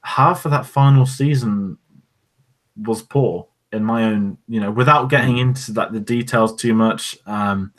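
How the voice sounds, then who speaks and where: A man's voice: on the low side, unhurried. A man co-hosting a podcast, chatting casually in a rambling, opinionated way. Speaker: podcast co-host. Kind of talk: casual chat. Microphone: podcast microphone.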